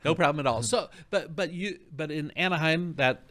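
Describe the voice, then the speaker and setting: A man's voice: a little high, normal speed, fairly bright tone. A man hosting an interview in a conversational style, with informal, wordy recaps leading into his questions. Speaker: interviewer, show host.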